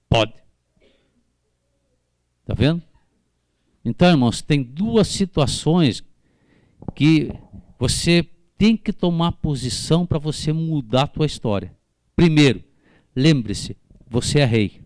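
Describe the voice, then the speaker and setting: Brazilian man, pastor, fervent sermon, high voice, very lively swings, dry close sound. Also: no echo. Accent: Brazilian Portuguese. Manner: fervent preaching, questions the congregation by name. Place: church service.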